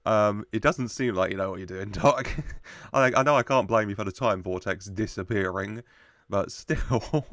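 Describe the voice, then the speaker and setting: Low, creaky man reacting casually. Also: fairly bright tone, dry recording, studio quality. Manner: jokey, chuckles often while talking. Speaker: host of a reaction show.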